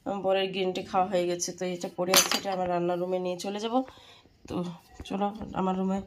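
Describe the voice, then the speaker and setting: A woman in her thirties from India with a West Bengal accent, hoarse from a cold, chatting casually to viewers as she cooks at home. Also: lowish voice, flat delivery, fast talker, a little hiss or hum. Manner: chatty, talks straight to viewers while cooking. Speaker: housewife vlogger. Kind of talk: casual home vlog chat. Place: home kitchen. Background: loud guitar music.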